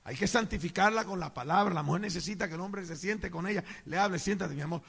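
A man preaching as a pastor, emphatic, swinging between loud bursts and low asides, calling on the congregation to answer. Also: quick pace, gravelly, husky. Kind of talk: preaching sermon with call and response. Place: church hall. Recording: long church hall reverb.

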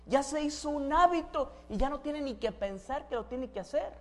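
A woman's voice: high-pitched, animated, normal speed. A woman preaching a sermon, asking the audience questions and acting out everyday scenes with sound effects.

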